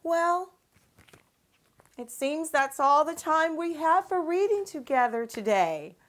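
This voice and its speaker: Reading aloud to children, a middle-aged host brings the story to life with emphatic, encouraging expression. She has a high voice and takes her time.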